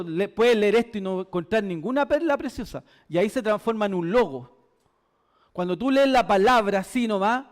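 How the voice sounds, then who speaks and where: A man with a very high voice and a Chilean Spanish accent preaches a sermon. He puts questions to his listeners and repeats words to drive them home. His voice echoes through a church hall with a long reverb. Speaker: pastor.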